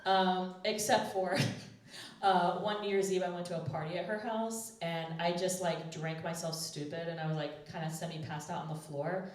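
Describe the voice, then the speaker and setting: A woman's voice: fairly low pitch, fairly even intonation, moderate pace. A woman hosting a live storytelling show, chatty and laughing often as she tells a story with lots of fillers. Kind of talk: casual personal storytelling on stage. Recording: very roomy, voice from far off.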